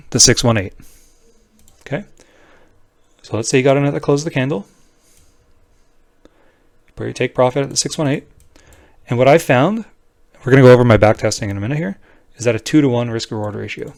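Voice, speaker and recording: A man's voice: mid-range voice, gravelly, a little mellow, no room sound. A man giving an unscripted, informal tutorial in a blunt way, often tagging his points with a questioning "right?". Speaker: trading tutorial presenter. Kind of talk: casual screen-share tutorial, unscripted explanation.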